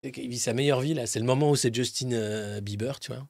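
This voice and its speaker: A man hosting a press review, talking in a casual, mocking way. He swears freely and swings between loud outbursts and muttered asides. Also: medium pitch, a little fast, creaky, dry recording. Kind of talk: casual sarcastic press commentary.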